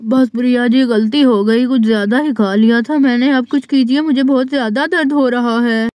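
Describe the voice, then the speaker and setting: A woman's voice: fairly high pitch, fairly even intonation, normal speed, a little mellow, no room sound, natural voice. A woman voicing a young village husband in a doll story, groaning and pleading over a stomach ache. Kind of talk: doll story role-play.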